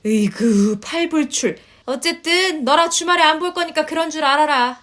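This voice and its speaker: A woman's voice: high-pitched, moderate pace, a bit bright, pitched above the performer's own voice. A woman voicing a nagging older mother-in-law who scolds, sighs and complains in a story reading. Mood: huffy. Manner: scolding, sighing, huffy complaints. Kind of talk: storytelling voice acting.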